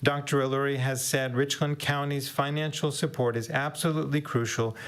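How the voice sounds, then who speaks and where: An older man reading a prepared statement, steady and measured, as a public commenter at a county hearing. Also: medium pitch, smooth.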